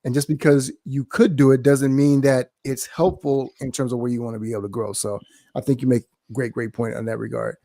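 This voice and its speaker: Brief: male podcast host, warm mellow tone, dry close mic, affirming and encouraging. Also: medium pitch, steady tone, brisk, creaky, dry recording. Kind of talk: casual interview.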